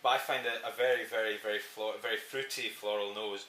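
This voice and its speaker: Italian-born man, low bright voice, animated and rambling, echoey shop room. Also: brisk. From southern Italy. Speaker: wine importer. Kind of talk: casual wine tasting chat.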